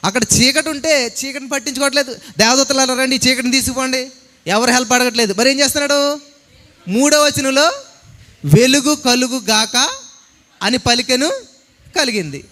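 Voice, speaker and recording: Man, high-pitched, preaching, animated, acts out dialogue, echoing church hall. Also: brisk. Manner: animated, mixes English words, acts out quoted dialogue. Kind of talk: sermon. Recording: long hall reverb.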